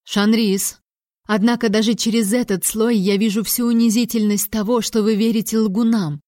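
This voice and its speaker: Stern young king in an audiobook, curt and guarded, mellow tone, read by a woman. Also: on the high side, steady tone, moderate pace, dry recording, clean studio sound, natural voice. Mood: cold.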